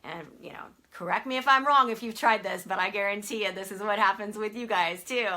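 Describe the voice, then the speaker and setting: A woman's voice: mid-range voice, a little fast, pushed and bright. A woman sleep consultant explaining a method to parents in a conversational way, with many fillers and emphatic stresses.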